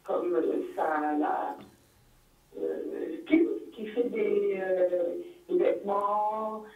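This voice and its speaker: A woman's voice: mid-range voice, very animated, far from the mic. Woman caller on an echoey tinny phone line. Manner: halting, earnest and encouraging. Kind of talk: call-in radio chat. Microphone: telephone.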